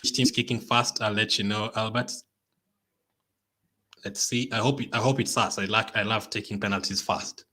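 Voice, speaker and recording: A man's voice: on the low side, fairly even intonation, moderate pace, pushed and bright. A man hosting a live football watch-along, anxiously pleading and reacting to a penalty shootout. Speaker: football fan channel host.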